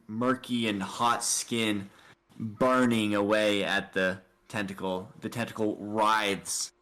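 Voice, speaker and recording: A man guides his players through a space adventure as game master. His voice sits low, and he narrates slowly and deliberately, pausing between phrases. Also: pushed and bright. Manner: slow, deliberate narration with pauses. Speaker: dungeon master.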